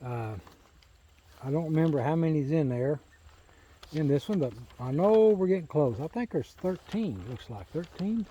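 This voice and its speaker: A man's voice: a little high, lively intonation, normal speed, mellow, muffled recording. An older man chatting in a rambling, folksy way while walking a rural hillside, then reading scripture aloud, recorded on a handheld phone. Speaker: lay Bible teacher.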